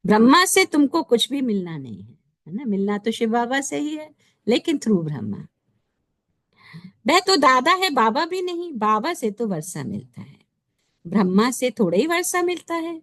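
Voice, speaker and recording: A woman's voice: on the high side, sing-song, normal speed, no echo, studio quality. Woman teaching a devotional sermon. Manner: explains patiently, asks rhetorical questions often. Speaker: spiritual teacher explaining a daily lesson.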